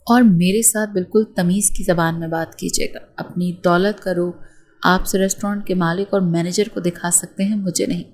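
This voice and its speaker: A woman's voice: fairly low pitch, fairly even intonation, darkish tone, close to an everyday voice. A woman voicing an angry, proud young working woman who scolds sharply. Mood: furious.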